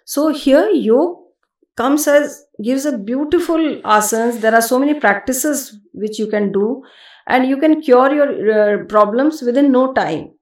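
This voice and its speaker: A woman's voice: high-pitched, measured pace, reverberant. A woman with an Indian accent explaining things conversationally as an interview guest, emphatic and given to repeating her phrases. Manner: emphatic, repeats phrases, switches between English and Hindi. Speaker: yoga expert, podcast guest.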